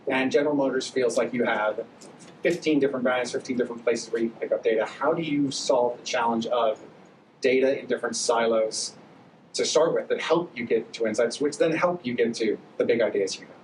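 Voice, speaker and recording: A man's voice: mid-range voice, a little fast. Man, panel moderator, chatty, fillers, roomy hall, noisy background. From born in Hawaii, raised in the UK. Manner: relaxed, chatty, with many fillers. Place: conference stage. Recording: echoey hall, mic far off, audible noise.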